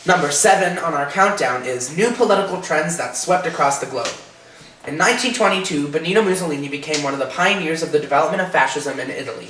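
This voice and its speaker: A man's voice: on the high side, fast talker, a bit bright, slight background noise. A teenage boy co-hosting a school history countdown in a casual, joking way. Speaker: co-host. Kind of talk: school video countdown presentation. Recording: echoey room, mic far off.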